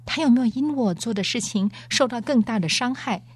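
A woman's voice: on the high side, a little fast, breathy edge, no room sound, voice pushed up. A woman voicing a young girl who is proud but shaken, speaking timidly and hesitantly.

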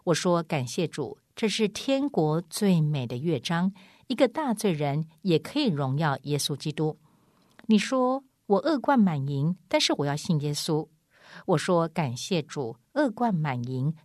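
A woman's voice: low-pitched, darkish tone, no room sound, clean studio sound. A woman preaching an evangelistic sermon in an emphatic, repetitive way, often acting out a back-and-forth with a doubting listener.

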